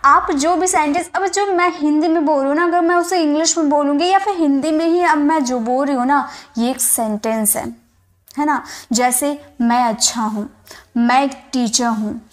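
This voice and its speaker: High-voiced woman teaching English slowly. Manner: explains patiently, repeats examples slowly. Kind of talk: spoken English lesson in Hindi.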